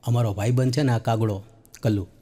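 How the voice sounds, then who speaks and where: A man's voice: medium pitch, steady tone, brisk, mellow. Male comedian, folksy chatty joke teller, middle voice. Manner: chatty, addresses listeners as sir, acts out voices. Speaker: stand-up comedian. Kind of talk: comic joke telling.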